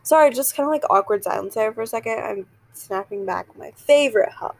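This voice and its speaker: Young female podcast host, a bit high-pitched, giggly, rambling casual chat. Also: lively intonation, fairly quick, gravelly, low-quality recording. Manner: rambling, giggly, self-deprecating.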